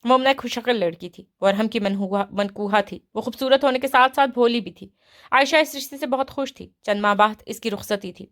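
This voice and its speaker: A woman reading a romance novel aloud with a steady storytelling delivery. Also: a little high. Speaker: novel reader.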